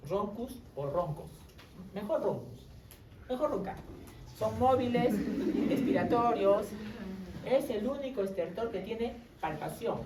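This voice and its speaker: A woman's voice: medium pitch, a little mellow. A woman gives a medical lecture and keeps checking in with her students through short tag questions. She is picked up from some distance in a reverberant classroom. A faint background hum runs under her voice. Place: lecture room. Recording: roomy classroom audio from far off.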